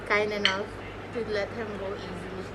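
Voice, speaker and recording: A woman's voice: medium pitch, little pitch movement, fairly quick. A woman co-hosting a casual chat over a meal, asking teasing questions. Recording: loud background noise with clattering dishes.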